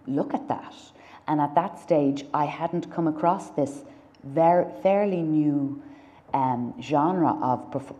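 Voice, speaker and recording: At a lectern on the dark stage of a gallery lecture hall, an Irish artist in her thirties takes part in a public conversation, her voice very low and mellow. She speaks thoughtfully, gesturing with her hands, pausing on fillers and often restarting phrases.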